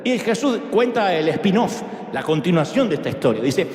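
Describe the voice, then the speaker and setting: A man preaching a sermon to an audience in a large church, animated and joking, with big swings in pitch. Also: normal speed. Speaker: pastor. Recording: echoey hall sound.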